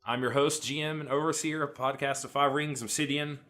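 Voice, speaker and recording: A man's voice: a little high, fairly even intonation, brisk, a bit bright. A man hosting a podcast in a casual, jokey way, laughing often. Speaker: podcast host.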